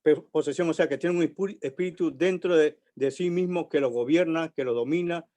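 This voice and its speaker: A man preaching a sermon in a church, slow and emphatic, building on repeated phrases. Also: fairly high pitch, dark tone. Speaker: pastor.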